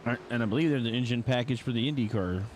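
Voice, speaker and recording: A man co-commentating a race in casual conversation, relaxed and easygoing, with short replies. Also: mid-range voice, very fast, a little hiss or hum.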